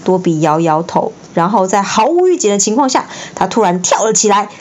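A mother reading a bedtime story aloud at home, expressive, with the odd slip and restart. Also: medium pitch, brisk, a little hiss or hum. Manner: expressive, occasional slips and restarts. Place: home, indoors.

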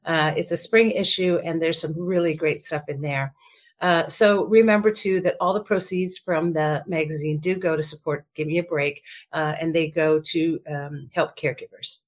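Woman cohost, low morning voice, chatty and upbeat, lots of ums. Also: fairly even intonation, normal speed. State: morning voice, lower than usual. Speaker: podcast co-host. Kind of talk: casual podcast chat.

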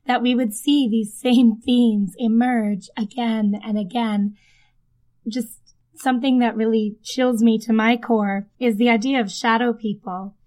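A woman's slightly high, slightly mellow voice carries this casual podcast. As host, she tells chatty stories that drift and loop back again. She's tucked into a blanket fort in her den, speaking into a desk microphone draped with a blanket.

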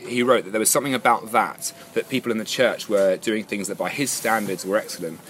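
A man answers interview questions thoughtfully in a slightly low voice. He talks quickly, restarting phrases as he thinks, with faint ambience behind him. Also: fairly even intonation, a bit bright, a little hiss or hum. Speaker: interviewee, event organiser.

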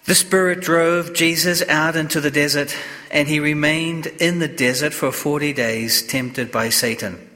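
A man, a priest, reading the gospel and preaching a homily at Mass in a slow, measured way, his voice carrying a cathedral echo. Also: on the high side, fairly even intonation, bright, forceful tone. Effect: cathedral-like echo with long reverb. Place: church during Mass. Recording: long church reverb.

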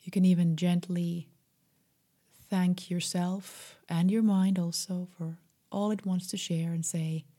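A woman guiding a meditation in a soft, breathy, half-whispered voice, gentle, soothing and unhurried. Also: on the low side, little pitch movement. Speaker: meditation guide. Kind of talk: slow guided meditation.

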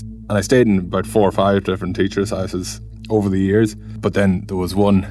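A man's voice: low-pitched, darkish tone. An Irish man narrating a personal story in a colloquial, conversational way. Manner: colloquial, peppered with "like, you know". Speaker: guest narrator.

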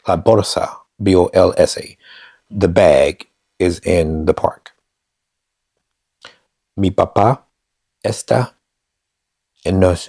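A man's voice: low voice, vocal fry, darkish tone, slightly rough, no echo, studio quality. A man vlogging at home, practicing beginner phrases aloud in a hesitant, self-correcting way. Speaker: language learner vlogger. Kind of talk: casual self-recorded practice. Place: at home on a couch.

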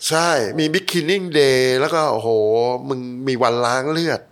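A man's voice: fairly high pitch, lively intonation, unhurried, fairly bright tone, soft background music. A middle-aged man, a former advertising creative, telling stories as a podcast guest in a blunt, heated way full of swearing. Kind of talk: casual podcast conversation.

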